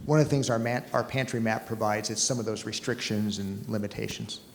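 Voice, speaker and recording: A man's voice: lowish voice, fairly even intonation, brisk, vocal fry, a little hiss or hum. A man answering audience questions at a talk, explaining step by step with examples. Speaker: food recovery project speaker answering questions. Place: lecture hall. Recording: reverberant hall.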